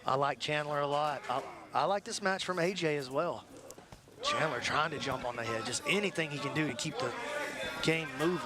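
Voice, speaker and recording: A man giving excitable, jokey color commentary on live grappling. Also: a little high, moderate pace. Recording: loud arena crowd and music.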